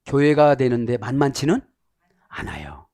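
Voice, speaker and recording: A man's voice: mid-range voice, very animated, normal speed, a little mellow, no echo. A middle-aged man preaching a sermon as pastor, teaching Greek words and acting out the voices of the people he quotes. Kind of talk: sermon with Greek word study.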